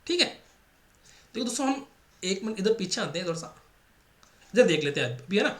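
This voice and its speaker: Speaking a little fast with a high-pitched, fairly bright and very animated voice, a man teaches math for an exam. His accent is Rajasthani Hindi, and he repeats each step while quizzing the class with rhetorical questions; the room echoes.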